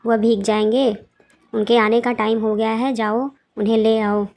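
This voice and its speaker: A woman's voice: a little high, flat delivery, moderate pace, darkish tone, soft background music, close to an everyday voice. A woman doing a fussing motherly figure. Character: caring middle-aged mother, fussing over family.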